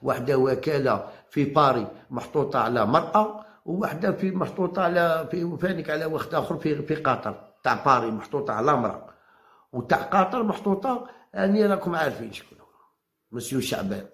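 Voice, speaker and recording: A man's voice: fairly high pitch, big pitch swings, fast, a bit bright, roomy sound. A man with an Algerian Arabic accent giving a heated monologue to his viewers, combative and repeating his phrases to challenge listeners. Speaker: football commentator vlogger.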